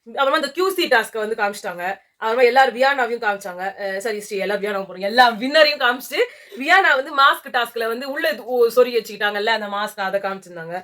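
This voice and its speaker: Fast, bright-voiced woman reviewer. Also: fairly high pitch. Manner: animated, mocking, talks over her co-host. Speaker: reality show reviewer. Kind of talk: casual chat reviewing a show promo.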